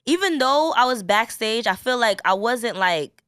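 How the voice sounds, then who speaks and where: A woman's voice: on the high side, normal speed, clean tone, dry recording, studio quality. A woman guest on a podcast, telling a story with lots of energy and acting out the voices of the people in it. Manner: lively storyteller, acts out quotes. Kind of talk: casual chat.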